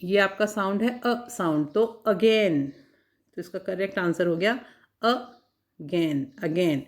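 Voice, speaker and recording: In an exam-prep lesson, a woman teacher with a medium-pitched, animated voice sounds out words one at a time and repeats them. She reads the questions out very slowly.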